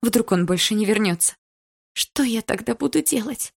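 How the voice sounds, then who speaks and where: A woman's voice: a little high, lively intonation, moderate pace, gravelly, breathy edge, no echo, clean studio sound, voice pushed up, heavily acted. A woman voicing an anxious middle-aged mother who soothes and then pleads in an audiobook. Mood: frantic.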